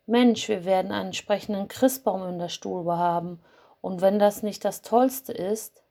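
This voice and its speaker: A woman voicing an eager, brash young boy in a storybook, talking excitedly and brushing off worries. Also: mid-range voice, unhurried, gravelly. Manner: excited, dismissive.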